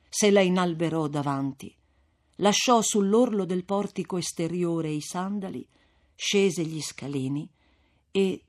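A woman narrating a classic novel as an audiobook, measured and expressive. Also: low-pitched. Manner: measured, expressive, dramatic reading. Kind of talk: scripted literary narration.

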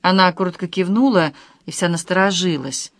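An audiobook reader narrating a novel in a steady, even storytelling voice. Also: medium pitch, moderate pace, no echo.

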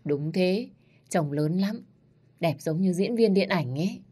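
A woman's voice: lowish voice, animated, measured pace, mellow, breathy edge. A woman voicing a fussy, doting old grandmother who teases and nags her granddaughter in an audiobook story. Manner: scolding, teasing, affectionate.

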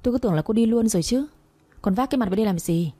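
A woman's voice: fairly high pitch, animated, rapid-fire, warm tone, no echo, studio quality, voice pushed up. A woman voicing a scornful older mother-in-law who scolds and sneers in a storybook reading. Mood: sneering.

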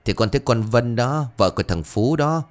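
A man's voice: mid-range voice, lively intonation, normal speed, soft background music, natural voice. A man voicing a brash grown son who talks back defiantly and dismissively.

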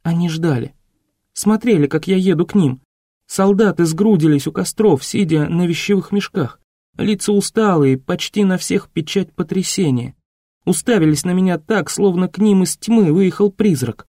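A man narrating an audiobook in a measured, expressive reading. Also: high voice, no echo, studio quality. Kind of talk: scripted narration.

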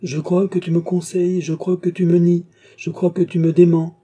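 Casting: male reader doing an old sneering alchemist, dark husky voice pushed higher, taunting. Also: normal speed, lightly acted. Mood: fierce. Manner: taunting, rising to fierce outbursts. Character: old scornful male alchemist, cold, mocking. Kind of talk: audiobook character voice.

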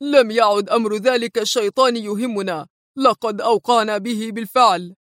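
A woman reading a storybook who voices an irritable male security chief with a curt, sharp manner. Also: on the high side, steady tone, moderate pace, dry recording, clean studio sound, lightly acted. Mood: irritated.

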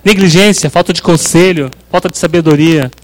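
A middle-aged man from Brazil preaches an informal sermon. His voice sits high for a man. He talks in a chatty, storytelling way and keeps checking in with the congregation. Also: fairly even intonation, a little fast, poor audio. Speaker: church leader preaching. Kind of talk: informal sermon with personal stories.

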